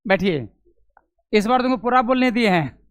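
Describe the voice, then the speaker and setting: A man's voice: high-pitched, expressive, moderate pace, clear, resonant tone, dry recording. A man teaching physics to a classroom of students, questioning them, repeating each step aloud and calling on them by name, with a Bihari Hindi accent. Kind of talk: classroom lecture.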